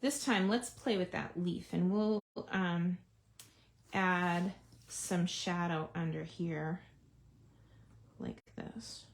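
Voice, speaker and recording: A woman's voice: fairly low pitch, fairly even intonation, slow, gravelly, pauses often. Chatty woman demoing crafts live. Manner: chatty, thinks aloud while working, talks to live viewers. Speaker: card-making demonstrator. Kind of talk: casual live craft demo.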